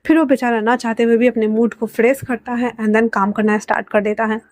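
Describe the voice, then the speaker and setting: Woman, storyteller, high-pitched, chatty, dry close mic. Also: fairly even intonation, fairly quick, darkish tone, no room sound. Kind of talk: reading a fan fiction story aloud.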